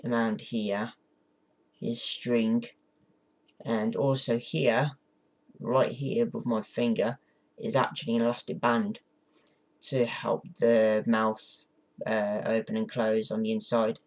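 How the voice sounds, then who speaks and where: Flat-toned man giving a casual tutorial. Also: on the low side, slow, long pauses. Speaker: amateur ventriloquist giving a tutorial. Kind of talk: casual instructional vlog talk.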